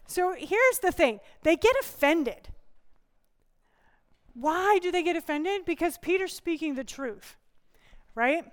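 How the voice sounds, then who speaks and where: High-voiced woman preaching a sermon. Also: animated, slow, pauses often, long reverb tail. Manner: conversational, humorous, asks the congregation questions.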